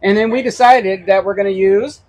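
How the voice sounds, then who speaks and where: A man's voice: high voice, fairly even intonation, moderate pace, a little mellow, rough recording. A man co-hosting a casual barbecue cooking demonstration outdoors, enthusiastic and explaining step by step. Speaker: barbecue show co-host.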